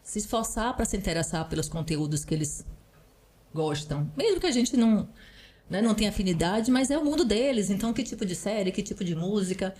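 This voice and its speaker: A woman's voice: medium pitch, expressive, a little fast, darkish tone. Woman giving parenting advice. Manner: earnest, advising, often adds "né". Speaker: parental counselor and psychoanalyst guest. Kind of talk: explanatory podcast conversation.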